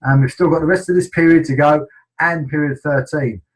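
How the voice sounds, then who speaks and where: A man's voice: fairly high pitch, steady tone, brisk, low-quality recording. Chatty English man hosting a webinar. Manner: chatty, enthusiastic, many ums and restarts. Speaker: team leader hosting a sales webinar. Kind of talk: casual upbeat webinar hosting.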